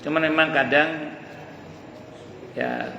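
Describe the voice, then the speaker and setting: A man's voice: fairly high pitch, steady tone, slow, pushed and bright, lo-fi sound, slight background noise. A man giving a mosque sermon, earnest and conversational, asking questions and answering them himself. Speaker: preacher. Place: mosque hall. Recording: echoey mosque hall with long reverb.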